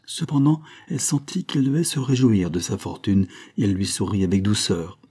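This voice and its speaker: A man narrating a novel aloud in a measured, even storytelling manner. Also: on the low side, husky. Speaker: audiobook reader. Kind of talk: scripted narration.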